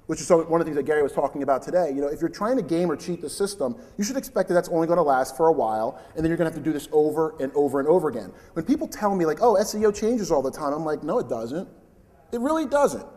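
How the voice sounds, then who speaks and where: Conference speaker, male, loud and chatty, reverberant hall. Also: on the high side, very fast, few pauses. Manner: loud, chatty, invites interruptions. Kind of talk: live conference presentation.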